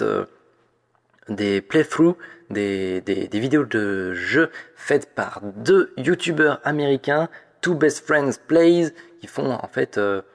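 A man hosting a weekly fandom news roundup, rambling along with frequent hesitations, restarts and playful mock drama. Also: medium pitch.

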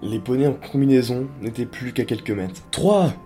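Guy reading a dark fanfic out loud, warm low voice, quiet music bed. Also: fairly quick. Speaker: narrator. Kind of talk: dramatic reading of a story.

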